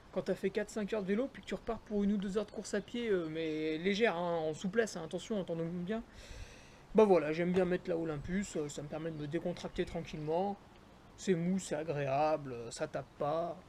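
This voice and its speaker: A man's voice: high-pitched, a little mellow, a little hiss or hum. A young man, a trail runner, chatting casually and jokingly to the viewer while reviewing his running shoes. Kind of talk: casual gear review vlog.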